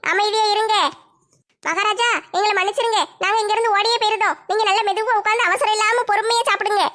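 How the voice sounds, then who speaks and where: Very high-voiced scolding village woman. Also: fairly even intonation, quick pace. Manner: scolding, shouting complaints. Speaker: comedy skit creator. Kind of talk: comedy skit acting.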